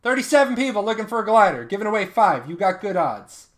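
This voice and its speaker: A man's voice: high-pitched, sing-song, fast talker, fairly bright tone. A man in his thirties hosting a live stream, chatting casually and joking with viewers while running giveaways. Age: 30s. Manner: joking, banters with chat.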